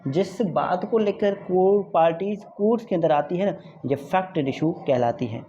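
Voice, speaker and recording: A law lecturer with a warm, mid-range voice teaches exam students informally, going point by point and repeating key ideas. She often checks understanding with tag questions and slows down to read legal definitions aloud in English. The audio is dull and muffled, with background noise.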